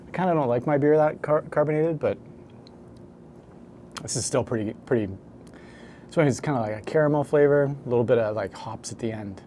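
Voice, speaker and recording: A man's voice: mid-range voice, a little fast, pauses often, dark tone, a little hiss or hum. A man talking casually to the camera as a home brewer, rambling and correcting himself as he goes. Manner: rambling, self-correcting, hesitant.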